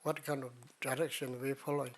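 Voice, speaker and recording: A man's voice: medium pitch, flat delivery, a little fast. A man giving a Buddhist dharma talk in simple, broken English, with a playful and teasing manner. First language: not English. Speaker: Buddhist teacher. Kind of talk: dharma talk to a retreat audience.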